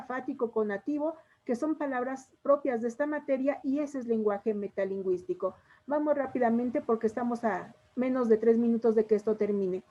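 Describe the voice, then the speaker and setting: A woman teacher with a Mexican Spanish accent explains her lesson to students over a video call, speaking straight to them. Her voice is high and mellow. The audio is muffled, as online class audio often is. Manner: explanatory, addresses students directly.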